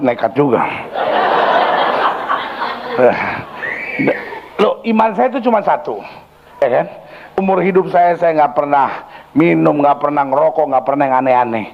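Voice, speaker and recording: A male pastor telling a story in a sermon, animated and joking, acting out the scenes for his congregation in a church. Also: on the high side, muffled recording, slight background noise.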